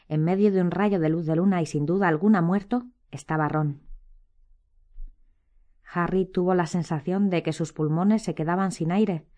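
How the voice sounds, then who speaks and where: A woman narrating an audiobook in a measured, even reading voice. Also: fairly low pitch.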